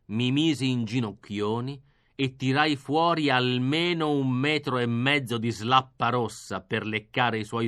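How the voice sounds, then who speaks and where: A man reading an audiobook, narrating in a lively, expressive first-person style. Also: medium pitch. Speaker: reader.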